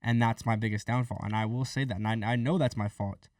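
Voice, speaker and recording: A man's voice: mid-range voice, steady tone, fast talker, a little mellow, no echo, clean studio sound, far from the mic. A man co-hosting a trading podcast, talking candidly and emotionally, repeating himself and swearing freely. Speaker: podcast co-host, forex trader.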